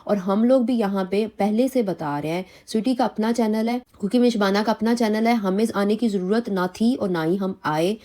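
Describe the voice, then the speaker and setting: A woman with a Pakistani Urdu accent records a reaction vlog about online feuds. Her voice is mellow and dark in tone, at an ordinary pitch for a woman. She talks indignantly and rambles, with many restarts and fillers. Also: few pauses. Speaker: reaction vlogger. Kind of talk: heated commentary on online drama.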